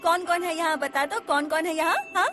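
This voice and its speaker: An actress playing a young mother in a TV serial who soothes and coos to her crying baby in gentle baby talk, with background music playing. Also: very high voice, fairly quick. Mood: soothing. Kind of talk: TV serial acting.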